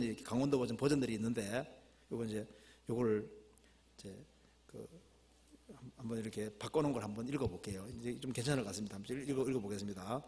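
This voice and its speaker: Male pastor reading scripture slowly. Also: medium pitch, a little mellow. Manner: reads scripture slowly and emphatically, then explains in plain talk.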